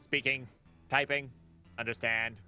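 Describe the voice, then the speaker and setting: A man doing a robotic monotone bomb expert. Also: medium pitch, unhurried, loud music behind the voice, natural voice. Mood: flat robotic. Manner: clipped, monotone, machine-like phrasing. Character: robotic-talking male bomb disposal expert.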